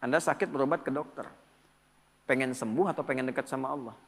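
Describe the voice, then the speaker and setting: A man preaching a sermon in a lively manner, asking his audience questions and answering them himself. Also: mid-range voice, quick pace, gravelly, big-room sound. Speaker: Islamic preacher.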